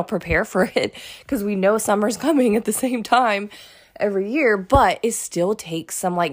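Woman podcast host, scratchy voice, chatty and rambling, casual delivery. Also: mid-range voice. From Oklahoma.

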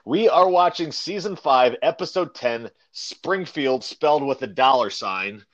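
A man hosting a casual podcast, upbeat and joking, sometimes dropping into low mumbles. His voice sits in a middle range. The recording sounds dull and lo-fi. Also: expressive, a little slow. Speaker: podcast host.

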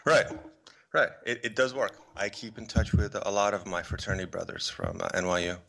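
As a podcast guest, a Polish-born, middle-aged filmmaker and photographer who grew up on the US East Coast chats in a loose, meandering way, full of fillers and restarts. His voice is on the low side and fairly bright, with vocal fry and a fairly quick pace, in a relaxed conversational interview.

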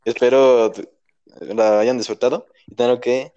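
A man's voice: mid-range voice, fairly even intonation, a little slow, warm tone, clean tone, muffled recording. A young man with a Mexican Spanish accent hosting a casual podcast, joking and rambling with crude slang. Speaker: podcast host.

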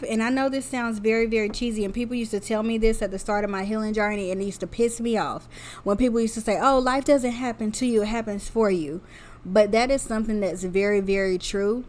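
A woman in her thirties talks alone into her podcast mic in an open, heartfelt way. Her voice sits at an ordinary middle pitch for a woman. She speaks to her listeners as y'all, like she is chatting with friends. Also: steady tone, fast, darkish tone. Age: 30s. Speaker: podcast host. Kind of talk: solo podcast monologue.

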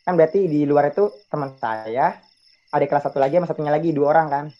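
Young man, student guest, slightly raised pitch, hesitant rambling storyteller, muffled lo-fi take. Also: quick pace. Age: young adult. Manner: rambling, restarts, many hesitations. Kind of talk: casual storytelling. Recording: dull lo-fi sound.

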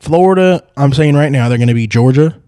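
A man's voice: mid-range voice, fairly quick, no room sound, studio quality. A man hosting a sports podcast, chatting casually about football picks with rowdy, profane outbursts. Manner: rowdy, swearing, excitable outbursts.

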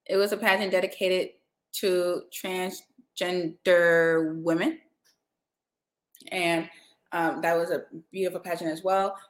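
A woman's voice: lowish voice, fairly bright tone, roomy sound. A woman hosting a casual podcast, chatting in a rambling way with lots of fillers. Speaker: podcast host. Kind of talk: casual chat.

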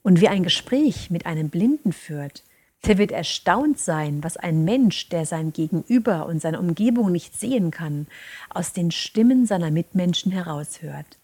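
Husky-voiced woman giving a calm talk. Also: fairly low pitch, a little slow. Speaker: speaker on voice and rhetoric. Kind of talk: lecture-style talk to listeners.

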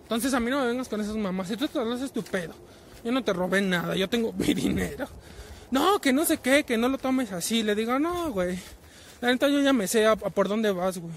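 A man in his twenties, Mexican Spanish accent, tells stories while riding in a vehicle, with a high-pitched, expressive voice that runs a little fast over slight background noise. The casual rant is profane and slang-packed, with "güey" after almost every phrase.

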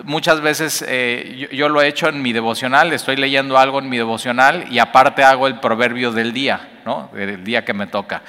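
Bright-voiced man teaching scripture. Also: medium pitch, steady tone, moderate pace, hardly any pauses. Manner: conversational, frequent "eh" fillers, acts out everyday scenes. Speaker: Bible teacher. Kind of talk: informal devotional Bible teaching. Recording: long reverb, hall-like room.

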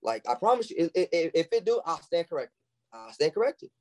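A man's voice: fairly high pitch, sing-song, fairly quick, darkish tone, rough recording. A young man, a guest on a podcast, talking in casual chat and acting out quoted lines in shifting voices.

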